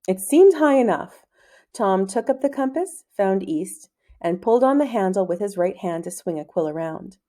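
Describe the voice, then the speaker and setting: Reading aloud from a children's novel, a woman narrates with measured pacing and clear phrasing. She has an expressive, dark-toned voice at a medium pitch.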